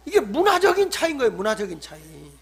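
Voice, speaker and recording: An older man, a pastor, preaching a sermon, swinging between loud emphatic stresses and hushed asides. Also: extremely high pitch, wildly swooping pitch, fast, vocal fry. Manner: acts out scolding quotes in conversational tone.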